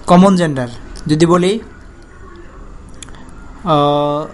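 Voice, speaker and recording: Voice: medium pitch, steady tone, a little hiss or hum. Patient teacher. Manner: explains patiently, spells out words letter by letter, drawn-out "ah" pauses. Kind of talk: recorded grammar lesson.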